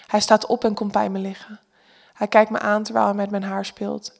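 A woman with a Dutch accent giving calm, intimate first-person story narration. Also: medium pitch, normal speed, gravelly.

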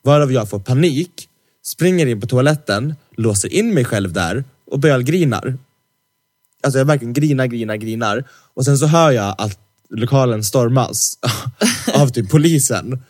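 A young man on a studio mic, chatting casually as a podcast co-host. He spins an animated anecdote, slips into the voices of the people he quotes and teases his co-host along the way. His talk is loose and full of slangy fillers. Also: mid-range voice. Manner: lively storyteller who acts out quoted dialogue; heavy slang fillers, teasing jokes. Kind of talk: casual podcast chat, storytelling. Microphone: studio microphone.

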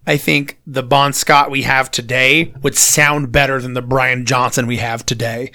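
A man's voice: mid-range voice, flat delivery, unhurried, pushed and bright. A man in casual, sweary conversation, blunt, with a congested, blocked-nose sound from bad sinuses. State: congested sinuses, recent coughing. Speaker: podcast host. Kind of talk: casual profane music chat.

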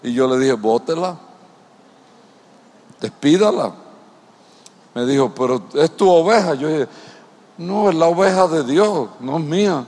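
Pastor preaching with hall reverb. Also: male voice, on the high side, expressive, measured pace, long pauses, a little mellow. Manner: rhetorical questions to the congregation. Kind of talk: sermon. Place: church. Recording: long church-hall reverb.

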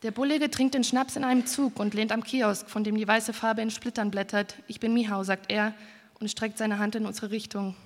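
A woman reading a first-person literary story aloud in a calm, even manner. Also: mid-range voice, moderate pace. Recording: long hall reverb.

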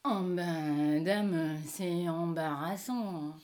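A woman's voice: fairly low pitch, extremely slow, crowd noise. A woman with a French accent reading a sheepish middle-aged cuckold who hesitates and fills gaps with "euh". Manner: hesitant, full of filler sounds.

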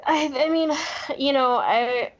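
A woman's voice: high-pitched, slow. A woman panelist and local party chair chatting casually, her voice sounding like an old AM radio broadcast. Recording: muffled lo-fi remote call audio.

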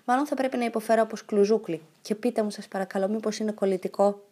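Woman doing a cheeky eccentric little girl, high playful voice, storybook reading. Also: lightly acted. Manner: lively, bright and playful.

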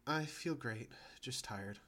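A man's voice: mid-range voice, slow pace, sharp tone. A man voicing a young injured girl who is tired but blunt and teasing.

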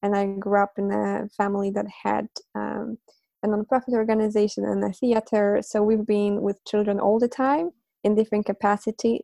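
Answering interview questions about teaching and learning, this woman in her thirties, a native Polish speaker who works as a language teacher and psychologist, muses aloud with fillers and gentle laughter. Her voice sits mid-range with a gravelly texture, and the recording is dry.

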